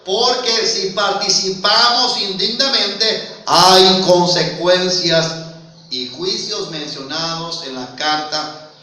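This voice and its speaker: A high-voiced man with a Mexican accent preaches with emphasis, firing rhetorical questions at his congregation. His bright voice rings through a very echoey church hall. He sounds set back from the mic. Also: recorded from a distance. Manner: emphatic, addresses listeners as brother, asks rhetorical questions. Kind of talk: sermon.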